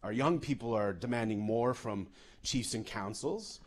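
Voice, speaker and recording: A man from Canada giving a comedic storytelling talk, animated and full of restarts and repeated words. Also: lowish voice, unhurried. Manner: animated, many restarts and repetitions. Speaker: public speaker.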